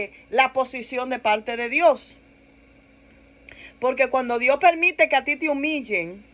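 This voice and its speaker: A woman pastor preaching a sermon in an animated way, repeating phrases for emphasis and asking her listeners for agreement. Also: high-pitched. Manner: animated preaching, laughs and acts out quoted complaints.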